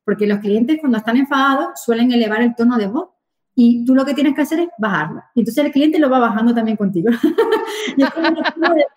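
Lady guest talking clients, higher voice, chatty with lots of fillers. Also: a little fast, low-quality recording. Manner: lively, warm storytelling with many fillers. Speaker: guest, real estate agent. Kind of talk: casual interview chat.

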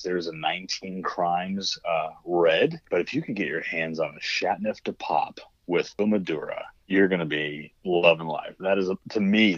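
Low-voiced novelist guy, earnest and emotional, kinda muffled lo-fi sound. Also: no room sound. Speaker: novelist guest. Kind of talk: casual podcast interview.

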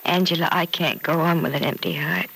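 Bright-toned, despairing young woman. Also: sits low, steady tone, fairly quick, poor audio. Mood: anguished despair. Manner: melodramatic, anguished delivery. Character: Penny Gibbs, despairing grief-stricken young woman patient. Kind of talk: 1940s radio soap opera acting. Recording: old radio recording with faint noise.

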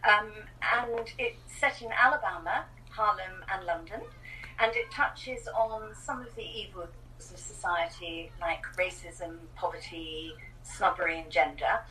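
A woman in her sixties from New Zealand, an author chatting as a guest with a lively, self-deprecating way of telling stories. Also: mid-range voice, measured pace. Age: 60s. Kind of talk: casual interview chat. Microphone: remote video call. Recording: distant call audio with faint noise.

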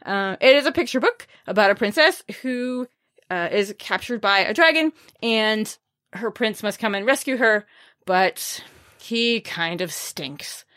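A woman's voice: mid-range voice, animated, a little slow, a bit bright. A woman hosting a podcast, chatting casually and informally through book recommendations with wry, understated asides. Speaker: podcast host reviewing books.

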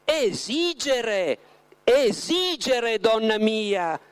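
A man reading aloud and voicing a suave, mocking male devil who speaks slowly and ironically. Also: high voice, voice pushed up. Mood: mockingly patient. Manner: slow, drawn-out, ironic delivery.

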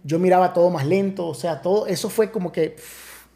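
A pastor, telling an emotional personal testimony with many restarts and acted-out quotes. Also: male voice, high voice, fairly quick, mellow. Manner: storytelling with many restarts, acts out quoted voices. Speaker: pastor, podcast guest.

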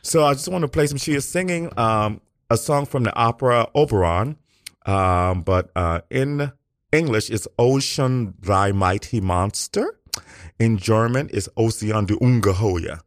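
A man's voice: mid-range voice, expressive, unhurried, no room sound. A man hosting a casual radio talk show in a studio, sassy and playful and full of drawled endearments.

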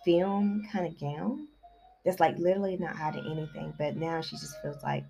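A woman's voice: low-pitched, moderate pace, creaky, dark tone, faint music behind. A woman casually retelling a novel's plot, rambling along with constant fillers like "like" and "you know". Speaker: book summary vlogger. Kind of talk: casual story recap.

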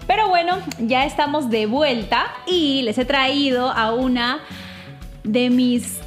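A woman's voice: sits high, fairly even intonation, takes it slowly, soft background music. A woman in her thirties with a Peruvian Spanish accent, hosting a casual, chatty podcast for female listeners. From Peru. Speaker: podcast host.

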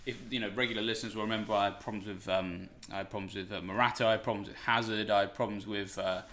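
A man with a lowish voice talks quickly in a casual podcast chat. He rambles through thoughts with plenty of "um"s and restarts. The room around him sounds echoey. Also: steady tone, a bit bright. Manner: chatty, rambling, with many fillers and restarts. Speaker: podcast co-host. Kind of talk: casual podcast chat about fantasy football.

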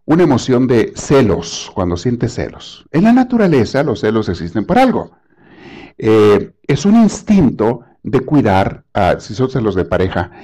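Male preacher, sermon delivery, punchy and animated. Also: medium pitch. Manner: emphatic, rhetorical questions, scolding.

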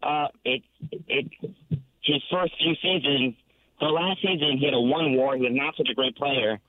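A man's voice: mid-range voice, normal speed. Man calling in over a tinny phone line. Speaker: radio show caller. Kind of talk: calling in to a sports talk show.

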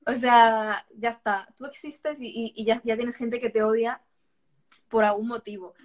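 A woman's voice: a little high, steady tone, measured pace. A woman from Barcelona, a guest on a podcast, talking frankly in a casual conversation and often restarting words. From Barcelona, Spain. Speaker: podcast guest, vegan author.

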